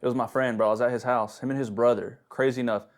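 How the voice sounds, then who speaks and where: A man's voice: mid-range voice, steady tone, quick pace. A young man co-hosting a podcast, casually telling a spooky family story with slang and restarts. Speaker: podcast co-host.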